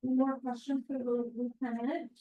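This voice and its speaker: A woman's voice: fairly high pitch, flat delivery, moderate pace. A woman making casual remarks at a community meeting. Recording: echoey, muffled room pickup.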